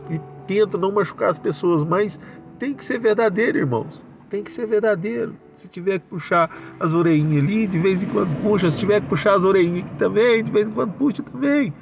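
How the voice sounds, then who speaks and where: A man's voice: high voice, a little fast, vocal fry, highs cut off, soft background music. A Brazilian man giving a fervent spoken religious testimony, calling his listeners brothers and breaking into praise. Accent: Brazilian Portuguese. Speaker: church member giving a testimony. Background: noisy motorbikes passing outside.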